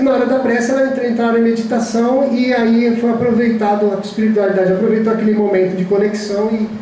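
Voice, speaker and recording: A man's voice: high-pitched, warm tone, slight background noise. A man giving a reflective spiritist talk, telling a personal story with many restarts. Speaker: lecturer. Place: lecture hall. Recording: very echoey hall from far off.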